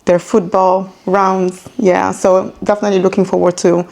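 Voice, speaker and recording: Born in Ghana and raised in Italy, a woman in her thirties or forties answers a conversational interview from inside her own home, her multicultural accent carrying some American influence. Her medium-pitched voice is gravelly and darkish, with little pitch movement and a moderate pace. The recording is rough.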